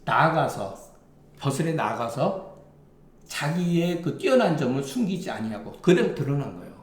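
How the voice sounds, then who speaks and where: A man with a slightly mellow voice on the high side lectures on a classical Chinese text, reading lines aloud, explaining them plainly one by one, and adding frequent affirming asides. The room is echoey.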